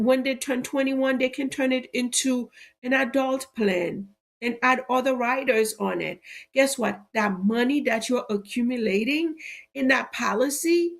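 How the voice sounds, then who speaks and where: A middle-aged insurance saleswoman hosts a live stream, pitching persuasively and tagging her points with "right?" Allergies leave her voice stuffy and a little cracky, with some vocal fry.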